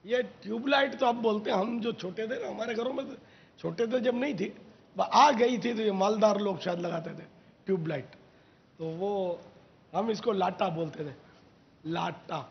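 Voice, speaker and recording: A man from Pakistan, a religious scholar hosting a TV talk show, explaining words in an unhurried, quizzing way. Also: high-pitched, vocal fry, dull audio.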